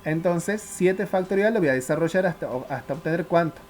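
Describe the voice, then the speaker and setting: A man's voice: on the high side, a little fast, a little mellow, a little hiss or hum. A man teaching a math class, working through each step and often asking whether the students follow. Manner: works step by step, often checks understanding with the class; asks questions and answers them himself. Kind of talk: classroom lecture.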